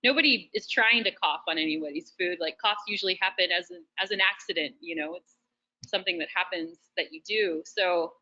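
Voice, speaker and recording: Woman host, bright tone, loose casual chat over a muffled line. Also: lowish voice, a little fast. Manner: casual, frequent fillers and restarts. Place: shared roasting facility.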